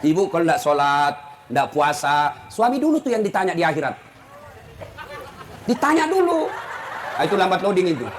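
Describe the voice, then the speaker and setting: A middle-aged man giving a humorous sermon, animated and teasing, acting out voices of husbands and wives. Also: a little high, moderate pace, pauses often. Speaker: preacher. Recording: noisy live event recording.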